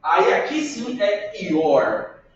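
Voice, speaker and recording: A male English teacher leads his class with upbeat energy, drilling pronunciation and calling on students by name. His voice sits fairly high and sounds distant and muffled, with heavy classroom echo. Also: lively intonation, unhurried, fairly bright tone, a little hiss or hum.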